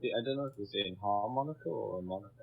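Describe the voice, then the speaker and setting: A man on a muffled mic that sounds like he is speaking into a cup, giving dry, deadpan replies in casual chat on a voice call. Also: fairly low pitch, racing, vocal fry, breathy edge.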